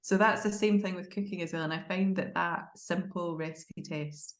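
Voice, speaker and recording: A woman's voice: fairly low pitch, fairly even intonation, normal speed, echoey room. A woman with a Glaswegian Scottish accent chatting enthusiastically and expressively as an interview guest. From Glasgow, Scotland. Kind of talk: casual conversational interview.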